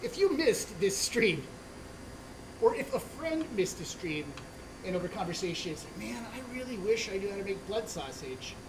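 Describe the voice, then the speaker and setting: On a cooking stream, a woman co-hosts in character as a jovial female orc butcher from a savage tribe, bantering playfully and savoring the gore in a hammy, cheerful way. Her medium-pitched voice is natural and sing-song at a normal speed. The studio kitchen set is indoors, and a far camera mic picks up noisy room audio.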